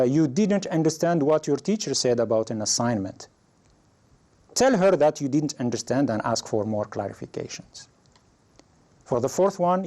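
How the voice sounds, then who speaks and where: A man teaching an English lesson, explaining situations slowly and raising his pitch when he reads example phrases. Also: dark tone.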